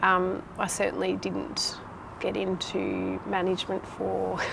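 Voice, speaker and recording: A woman's voice: medium pitch, sing-song, takes it slowly, vocal fry, over a noisy crowd, poor audio. A woman in her thirties with a Tasmanian Australian accent, answering interview questions in a casual, conversational way as a nurse manager. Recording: noticeable background noise.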